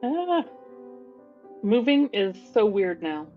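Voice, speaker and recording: A woman's voice: medium pitch, big pitch swings, takes it slowly. A woman playing a tabletop game on a livestream, talking bluntly and offhandedly, with casual swearing. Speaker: player. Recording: lo-fi stream audio with faint music.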